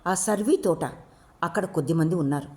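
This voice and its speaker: A breezy young hippie woman, as a woman reader puts her on, coaxing and offhand. The voice sits low and close to the reader's own, in a storybook reading. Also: brisk, mellow, natural voice.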